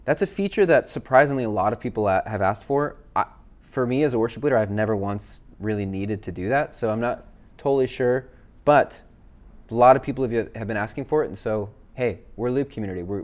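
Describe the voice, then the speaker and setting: A man, a worship leader, walking viewers through app features in a relaxed, chatty way with fillers. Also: on the low side, a little fast. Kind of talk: casual software demo. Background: backing tracks playing.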